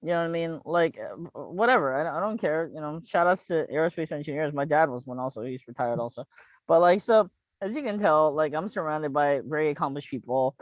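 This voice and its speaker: Casting: man, 30s, higher-pitched, tipsy and slightly slurred, loose sweary rambling chat, close dry sound. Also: a little fast, dry recording, rough recording. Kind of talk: casual chat, profanity-laden.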